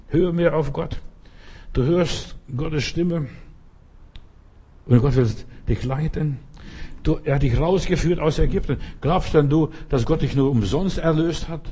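A man preaching a sermon to his congregation, urging them on with emphatic, exhorting delivery and sudden leaps in pitch. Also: mellow, slightly rough.

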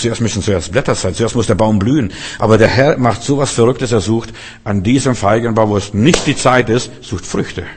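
A man's voice: on the low side, slightly rough. A man preaching a sermon, emphatic and repetitive, speaking directly to his listeners.

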